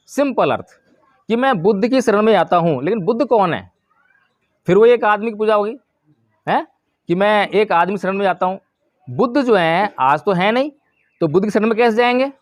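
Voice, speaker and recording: Male preacher, high voice, dry sound. Lectures a village crowd and answers his own questions. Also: dry recording. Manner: asks the listeners questions and answers them himself. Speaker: Buddhist preacher. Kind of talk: dhamma talk to a village gathering.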